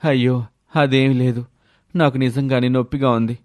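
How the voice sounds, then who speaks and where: In a dry recording, a man with a natural, mid-range, darkish voice speaks at normal speed in a level tone. He voices a lazy, whining village husband from a storybook tale, complaining and wheedling his way out of things with excuse after excuse.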